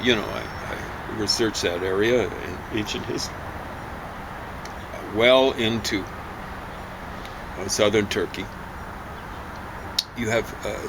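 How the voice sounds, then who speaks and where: A man giving a rambling opinion monologue on current events, emphatic and opinionated, with halting asides. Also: lowish voice. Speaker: vlogger. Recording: steady ambient background noise.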